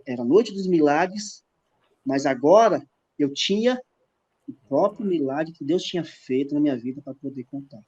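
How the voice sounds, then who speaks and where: A man's voice: a little high, animated, normal speed, darkish tone, husky. A man as a podcast guest, telling a personal faith testimony in casual chat and acting out the dialogue as he goes. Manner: emphatic storyteller, acts out dialogue. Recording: dull lo-fi podcast audio.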